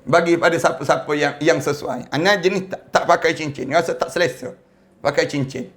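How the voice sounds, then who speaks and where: High-voiced Malaysian preacher, lively. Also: male voice, fairly quick. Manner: lively storytelling with laughs. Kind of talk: sermon.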